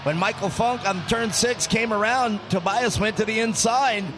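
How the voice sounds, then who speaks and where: A man's voice: high-pitched, moderate pace, music in the background. A man giving color commentary on an off-road race, chatty and telling anecdotes.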